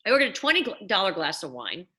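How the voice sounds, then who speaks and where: A woman's voice: on the low side, big pitch swings, fast, sharp tone. A tipsy woman hosting a live stream, rambling and questioning herself with slightly slurred speech, recorded indoors on a laptop or phone mic. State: tipsy from wine. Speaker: host.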